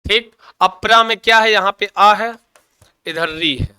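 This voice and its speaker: Guy teaching sanskrit grammar for exams, high clear voice, keeps asking then answering his own questions. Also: measured pace, pushed and bright, no room sound. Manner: calls students "bhaiya" and "ji". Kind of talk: exam coaching lecture.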